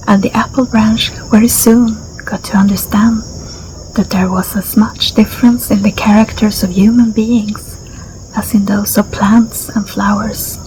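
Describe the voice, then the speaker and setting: Outdoors in a garden, with crickets and insect noise clearly audible around her, a woman reads a story as ASMR. She is a native Swedish speaker with a Swedish accent, and her medium-pitched, breathy voice stays gentle, unhurried and soothing, frequently sinking into a whisper. The recording is of poor quality.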